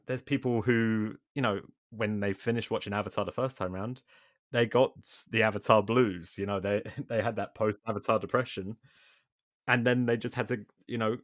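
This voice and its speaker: A man's voice: fairly low pitch, dry recording, clean studio sound. A man speaking as a podcast guest in casual chat, hesitant and trailing off with fillers.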